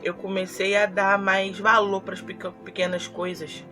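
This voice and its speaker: A woman's voice: mid-range voice, level tone, measured pace, sharp tone, faint music behind. A young woman from Brazil, a YouTuber telling a personal story in a confessional vlog, earnest and acting out her own quoted words.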